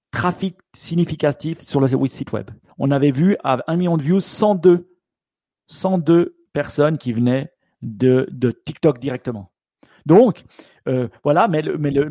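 Guy co-hosting a podcast, casual chat, lots of restarts and uh's, warm low tone. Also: normal speed, no echo. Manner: thinks aloud, many restarts and fillers. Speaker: podcast co-host.

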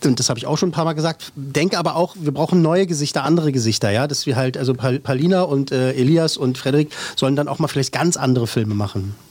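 A man's voice: mid-range voice, fast, few pauses, darkish tone. A man from Berlin hosting a podcast, reviewing films in a chatty, joking, rambling way. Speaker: podcast host, film reviewer. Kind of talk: casual chat.

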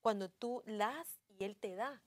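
A woman's voice: mid-range voice, takes it slowly, no echo. Chatty woman, dry close mic. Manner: warm anecdotal, acts out family dialogue, many fillers. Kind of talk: casual faith-based chat.

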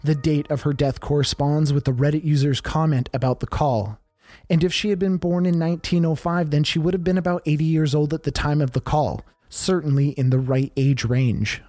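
A man's voice: fairly high pitch, fairly even intonation, brisk, warm tone, no room sound, studio quality, faint music behind. A man hosting a creepy mystery podcast, reading scripted narration and addressing listeners like a conspiratorial storyteller.

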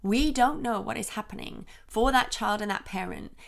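A woman with a slightly high, gravelly voice talks through parenting advice on her podcast. She explains things calmly and plainly, and slips into the words she would say to her small daughter. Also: moderate pace. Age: adult, parent of a young daughter. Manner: calm, explanatory, acts out what she says to her child. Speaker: parenting podcast host, child development expert.

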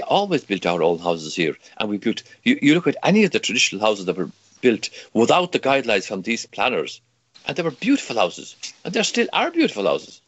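Dull audio captures an older Irish man from Kerry, a native Irish speaker using English, arguing emphatically as a guest and campaigner. His mid-range voice carries a breathy edge, and he stammers through restarts while posing rhetorical questions in this heated interview.

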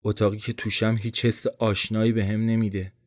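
A man's voice: on the low side, flat delivery, a little mellow, no room sound. A man narrating a first-person story for a podcast he writes, in a tense, introspective inner-monologue manner.

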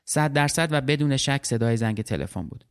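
A man reading a literary short story aloud as narrator, in a calm, measured, reflective way. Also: medium pitch, clear, resonant tone.

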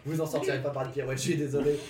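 A man's voice: mid-range voice, level tone, rapid-fire, crowd noise. A man hosting a podcast quiz game, teasing the players and laughing often. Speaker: quiz host. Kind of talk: podcast game show banter. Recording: roomy room, distant mic, faint noise.

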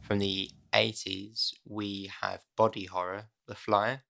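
A man's voice: lowish voice, little pitch movement, takes it slowly, vocal fry, bright, forceful tone, slight background noise. A man co-hosting a casual podcast, laid-back and self-mocking, chuckling often. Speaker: podcast co-host. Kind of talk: casual chat.

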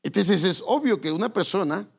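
In an expressive, high voice that's gravelly and husky, a male pastor preaches about marriage at normal speed. His sermon is conversational, aimed straight at listeners, and he corrects himself as he talks.

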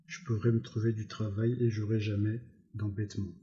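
A man reading aloud plays a worn-out ranch hand, protective of his friend, speaking in a flat, blank monotone. The voice is low and very dark. The recording is slightly dull and lo-fi. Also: normal speed, natural voice. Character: weary male ranch worker, protective, stiff.

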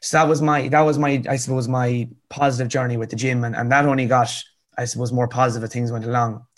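A man's voice: mid-range voice, flat delivery, fast talker. A man in his twenties with a rural Irish accent, telling his story in an earnest, emphatic conversational way, repeating phrases for effect. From County Cavan, rural Ireland. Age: 20s. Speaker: interview guest, author.

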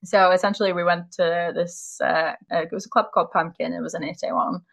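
Relaxed woman chatting and laughing. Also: fairly low pitch, a little fast, gravelly. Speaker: podcast co-host. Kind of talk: casual chat.

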